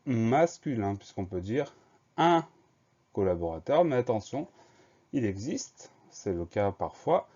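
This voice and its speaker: A man's voice: on the low side, warm tone. A man teaching a spelling lesson, patiently explaining rules and spelling words letter by letter. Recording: dull lo-fi sound.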